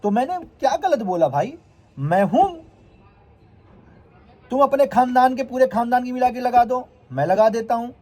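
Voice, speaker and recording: A man's voice: extremely high pitch, expressive, normal speed, long pauses, warm tone. A vlogger who is a man, delivering a heated, confrontational rant straight to his viewers and repeatedly scolding his critics.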